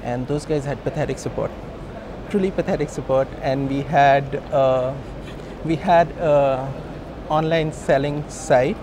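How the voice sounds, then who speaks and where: A company co-founder in his thirties, speaking with an Indian accent, gives a conversational interview at a busy hosting industry event. He talks informally and emphatically in a mid-range voice, a little slowly, amid noisy, traffic-like ambient sound.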